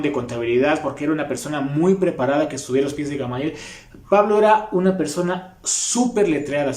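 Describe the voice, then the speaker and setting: A man with a Mexican Spanish accent preaching a sermon as a youth pastor, impassioned, reading scripture slowly. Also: mid-range voice, darkish tone. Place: church hall. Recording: echoey church hall.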